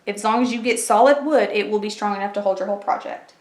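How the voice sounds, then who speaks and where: A craft channel host talks fast in a mid-range voice, walking through her tutorial step by step in a chatty way. She's battling a cold and her voice is going, and the recording has an echoey room and faint clatter from a kitchen.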